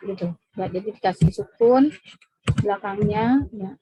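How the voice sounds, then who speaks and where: Patient woman teaching, husky voice. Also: mid-range voice, unhurried, mellow, no echo, soft background music, rough recording. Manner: patient, repeats points with frequent "ya" checks. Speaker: Quran recitation teacher. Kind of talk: classroom tajwid lesson. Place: mosque classroom.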